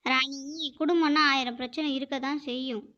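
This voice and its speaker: A woman's voice: high voice, steady tone, brisk, bright, forceful tone. A woman voicing a stern, proud old grandmother in a cartoon who defends her family in a firm, scolding way. The recording is dull and lo-fi. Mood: indignant. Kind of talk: animated cartoon dialogue. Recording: dull lo-fi audio.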